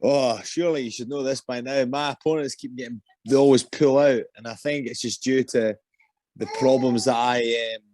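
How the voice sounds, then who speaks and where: A man's voice: mid-range voice, steady tone, moderate pace, darkish tone. A young Scottish man, an MMA fighter, answering interview questions casually and hesitantly, with many ums and restarts. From Scotland.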